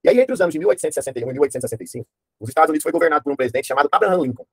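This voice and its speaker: A man teaching a history class online in a fast, casual way, often asking his students questions and using slang. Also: a little high, lively intonation, breathy edge, no room sound.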